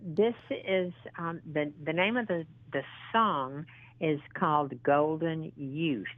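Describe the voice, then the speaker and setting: Over a tinny phone connection, a model and actress in her sixties speaks as an interview guest in a deep voice with no echo. She is earnest and encouraging, though her casual answers stall frequently with ums and restarts.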